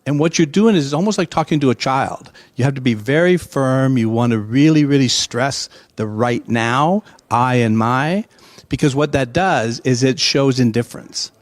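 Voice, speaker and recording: A man's voice: medium pitch, moderate pace, hardly any pauses, no echo. Emphatic middle-aged man explaining. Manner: emphatic, animated, acts out dialogue. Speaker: guest expert. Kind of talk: explaining in a conversational interview.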